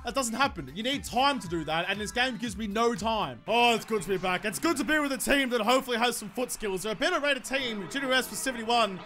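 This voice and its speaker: A man's voice: very high voice, expressive, fast, few pauses, bright, forceful tone, soft background music. An Australian man in his twenties giving casual, sweary gameplay commentary with exasperated, sarcastic ranting. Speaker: gaming video host.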